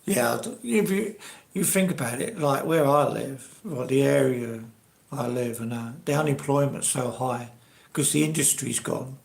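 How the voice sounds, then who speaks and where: A man in his sixties with an English accent chats informally to a live audience online. His voice is mid-pitched with plenty of gravelly fry, and he wanders conversationally through his thoughts. The room adds a noticeable echo. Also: normal speed. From England. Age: 60s. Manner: rambling, conversational. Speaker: live stream host. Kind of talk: casual live chat. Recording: roomy, echoey live stream.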